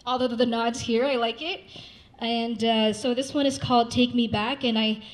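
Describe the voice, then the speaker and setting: A young woman from Saudi Arabia, speaking casually at a live event to introduce a song, relaxed, with fillers and restarts. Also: fairly high pitch, normal speed, low-quality recording. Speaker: singer-songwriter introducing a song. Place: dim rooftop event room with city windows. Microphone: handheld mic, filmed by a far camera.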